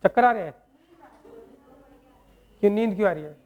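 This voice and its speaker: A man teaching a maths lesson to a class in speech, quizzing students with quick questions and joking with them. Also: high-pitched, narrow, tinny audio.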